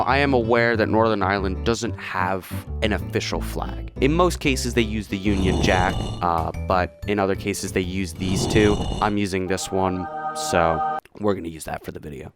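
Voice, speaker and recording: A young man chatting casually and jokily while ranking countries, often trailing off quietly at the ends of phrases. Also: low-pitched. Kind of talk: casual commentary vlog.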